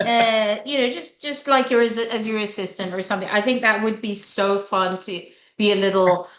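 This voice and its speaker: A woman's voice: medium pitch, fairly even intonation, normal speed, a bit bright, reverberant, muffled recording. A woman sommelier hosting a casual interview, chatty and enthusiastic, with lots of fillers, over a video call. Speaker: sommelier host.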